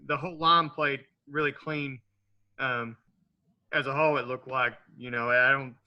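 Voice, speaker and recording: A male sports reporter asking a long, halting question, with frequent restarts and fillers. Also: medium pitch, pushed and bright.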